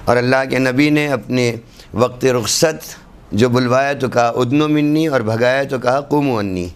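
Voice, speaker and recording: Here a man teaches Quran recitation to a class, his voice sitting in the mid range. He sounds out the letters slowly, going over each one again for the students.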